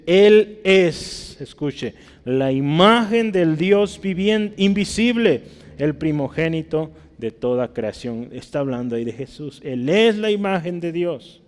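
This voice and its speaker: A man with a Mexican Spanish accent preaching a sermon, who reads scripture aloud in a raised voice and keeps asking his listeners to agree. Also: dark tone. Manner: reads scripture aloud, often asks "¿verdad?"; rises sharply in pitch and volume when reading verses. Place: church hall. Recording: long hall reverb.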